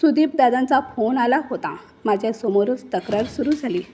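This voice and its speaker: A woman voicing a kind middle-aged housemaid who speaks gently and soothingly in a storybook reading. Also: a little high, lively intonation, moderate pace, slight background noise, natural voice.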